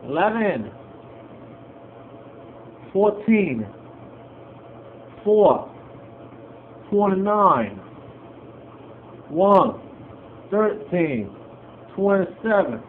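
A man scratching a lottery ticket, reading numbers aloud one by one with joking asides in casual running commentary, recorded on a phone. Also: sits high. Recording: tinny phone recording, faint background hiss.

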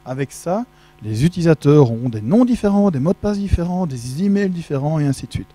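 A middle-aged man with a fairly high, warm voice talks animatedly and fairly quickly in French. He's giving a casual tech conference talk on a handheld mic in a large dark auditorium with a projection screen, joking and chatting and putting questions to the audience.

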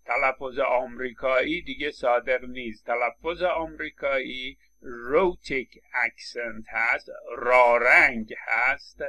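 A man's voice: medium pitch, steady tone, few pauses, sharp tone. A man lecturing on English phonetics, explaining step by step with frequent hesitation fillers. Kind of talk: university lecture.

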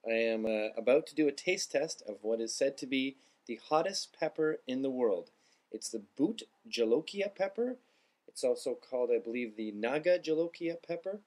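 Medium-pitched man, casual vlogger. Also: expressive, normal speed, a little mellow. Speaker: vlogger introducing a taste test. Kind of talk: casual explanatory vlog to camera. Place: small indoor room lined with bookshelves.

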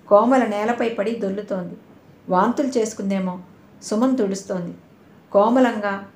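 A woman narrating an audio novel in a steady, expressive storytelling manner. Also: mid-range voice. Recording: roomy echo.

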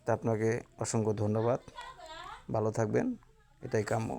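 Bangladeshi woman vlogger thanking her commenters, kinda gravelly voice, slow and earnest. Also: very deep voice, flat delivery. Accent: Bangladeshi Bengali. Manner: slow, earnest, warmly blessing each commenter by name. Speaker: lifestyle vlogger. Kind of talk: casual reading out and thanking viewer comments.

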